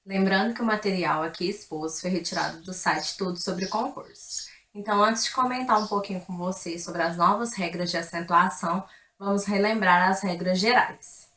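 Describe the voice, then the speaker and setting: A woman's voice: mid-range voice, normal speed, a bit bright. Woman presenting a lesson, roomy sound. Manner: friendly, direct address to viewers. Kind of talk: video lesson introduction.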